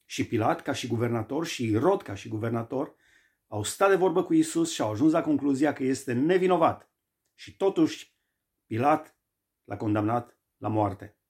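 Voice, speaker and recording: Guy preaching, gravelly voice, hammers on repeated lines. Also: medium pitch, animated, a little mellow. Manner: emphatic, repeating phrases for stress. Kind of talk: sermon.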